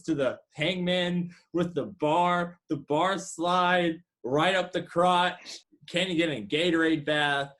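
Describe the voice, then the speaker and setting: Man, slightly raised pitch, excited casual podcast talk. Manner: excited, profane. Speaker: podcast co-host. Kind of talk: casual wrestling review chat.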